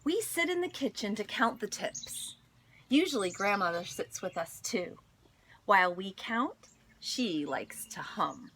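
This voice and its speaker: A woman teacher reads a children's story aloud to her students, expressive and deliberate, using dramatic pauses. Her voice is medium-pitched, with a little hiss or hum in the recording.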